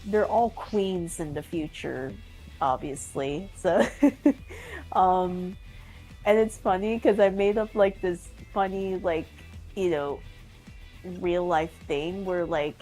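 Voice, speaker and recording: Rambling, giggly woman on a livestream, slightly low voice, soft music underneath. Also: slow pace. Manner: rambling, giggly, many likes and fillers. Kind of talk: casual chat.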